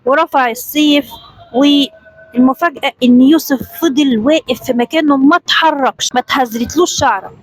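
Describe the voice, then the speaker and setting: A woman with an Egyptian accent narrating a children's story in a lively, dramatic way. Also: sits high, brisk, no echo, faint music behind, low-quality recording.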